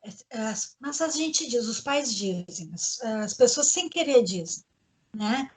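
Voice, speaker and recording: A woman's voice: fairly high pitch, animated, slow pace. A woman, hosting a panel discussion on parenting and earnestly instructing the audience. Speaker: host, educational psychologist.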